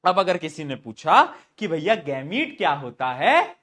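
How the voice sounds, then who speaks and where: A man with a fairly high, slightly bright voice and big swings in pitch teaches a live online science class at an unhurried pace. He's playful, joking with his students and quizzing them, then answering his own questions.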